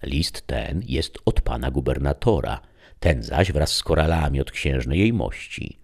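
A man's voice: a bass voice, animated, unhurried, vocal fry, darkish tone, heavily acted. A man doing a courteous young page. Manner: formal, deferential courtly speech. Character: courteous young male page, eager servant.

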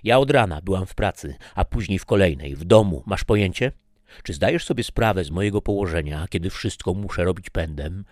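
A man voicing a harried young mother who talks to her husband in a sharp, reproachful, rushed way. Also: lowish voice, very animated, husky, no echo, studio quality, voice pushed up. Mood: exasperated.

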